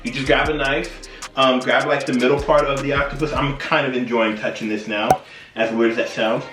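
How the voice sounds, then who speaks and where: A man's voice: medium pitch, fairly even intonation, brisk, fairly bright tone. Tipsy, rambling man in an echoey room. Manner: tipsy, rambling, loses his train of thought. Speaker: host of a cooking video. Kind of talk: casual cooking vlog chat. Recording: roomy echo, distant mic, faint music.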